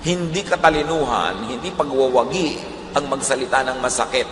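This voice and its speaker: A Filipino-accented man preaches in a large hall, his voice carrying a long reverb with faint ambience behind it. He moves from quiet lines to loud, emphatic ones and acts out quoted speech. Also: medium pitch, moderate pace, a little hiss or hum. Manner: animated, switching between soft and loud emphatic lines, acting out quoted speech. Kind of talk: sermon.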